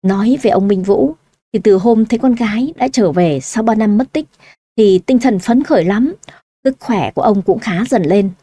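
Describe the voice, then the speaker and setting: A woman narrating a story audiobook-style with a steady, even reading. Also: medium pitch, moderate pace, dry recording, studio quality.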